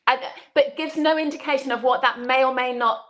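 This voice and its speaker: A woman guest in a casual discussion, telling things in an animated way with quick asides. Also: high-pitched, rough recording. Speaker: podcast guest.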